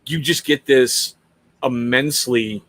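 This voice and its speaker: A man's voice: medium pitch, slow pace, fairly bright tone. A man hosting a casual livestream interview, upbeat and reading out viewer questions from the chat. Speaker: host.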